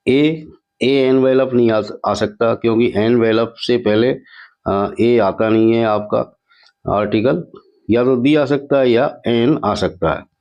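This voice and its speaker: A male teacher walking through an exam paper step by step, reading the English sentences out slowly. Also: medium pitch. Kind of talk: exam paper walkthrough lesson. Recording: dull lo-fi sound.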